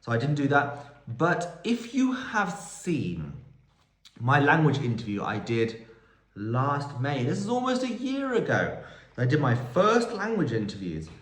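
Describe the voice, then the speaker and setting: A man's voice: mid-range voice, wildly swooping pitch, measured pace, fairly bright tone. A man hosting a casual Q&A video, telling rambling stories full of quoted dialogue and recorded on a phone. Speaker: vlog host answering viewer questions. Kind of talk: casual Q&A monologue. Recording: roomy echo.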